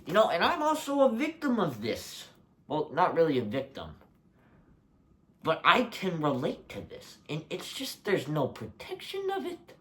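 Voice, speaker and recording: Sounding a little muffled, as if behind a rubber mask, a young video creator delivers an exasperated, casual rant packed with rhetorical questions. The medium-pitched voice swings hugely in pitch while keeping a measured pace.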